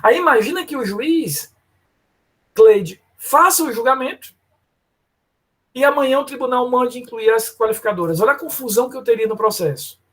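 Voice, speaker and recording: A man's voice: very high voice, animated, normal speed, fairly bright tone. A man teaching law in a lecture, explaining step by step and calling on students by name. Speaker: law professor. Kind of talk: live online lecture.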